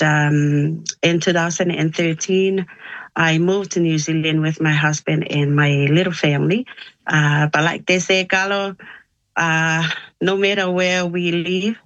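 A Tongan-accented woman speaks in a low, deep register, pausing often with soft fillers as she gathers her thoughts. Her talk is earnest and sincere. The sound is dry and a little muffled. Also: no echo. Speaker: musician guest. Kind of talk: casual interview.

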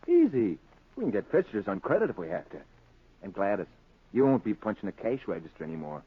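An American actor playing an excitable, grabby working-class husband who blusters and stammers when nervous, in old-time radio drama style. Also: male voice, on the low side, fairly quick, slightly rough, heavily acted. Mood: excited, boastful. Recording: tinny, phone-like old radio recording.

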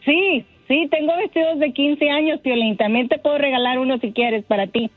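Woman caller from the Texas border, cheerful, high voice, dry lo-fi phone sound. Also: normal speed, no echo, faint music behind. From northern Mexico and Texas border. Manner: cheerful, laughing often. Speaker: caller, business owner. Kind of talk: phone-in interview.

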